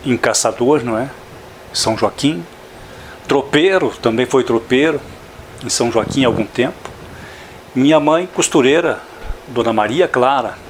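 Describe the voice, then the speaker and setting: A man's voice: medium pitch, slight background noise. An older man, a veteran journalist, speaking as a guest in a radio studio interview, talking reflectively and often adding "não é?" tags. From Santa Catarina, southern Brazil.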